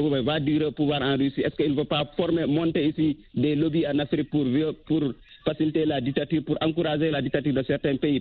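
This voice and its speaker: Give me a man calling in to a radio show on a tinny phone line. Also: a little high. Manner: halting, leans on stock fillers. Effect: phone call into a radio show. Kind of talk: call-in opinion on a radio show. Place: calling from Senegal.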